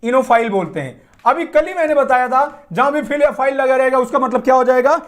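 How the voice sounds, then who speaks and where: A man's voice: very high voice, animated, a little fast, a bit bright. A man teaching a live online vocabulary class, mixing Hindi and English and reading out viewers' answers as he goes.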